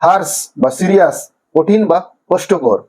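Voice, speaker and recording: A man from Bengal with a notably high voice, walking young pupils through vocabulary. He stretches each word out slowly, syllable by syllable, like a patient classroom teacher. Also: a little mellow, slightly rough, low-quality recording. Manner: slow, drawn-out pronunciation of each word by syllables. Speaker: primary school English teacher. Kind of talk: classroom lesson explaining vocabulary.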